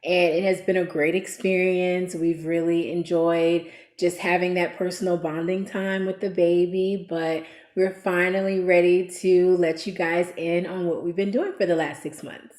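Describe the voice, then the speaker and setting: A young adult woman speaking as a vlogger, talking to camera in an earnest, measured way. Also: on the low side, level tone, a little mellow. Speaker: vlogger sharing family news. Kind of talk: casual chat to camera. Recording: roomy echo.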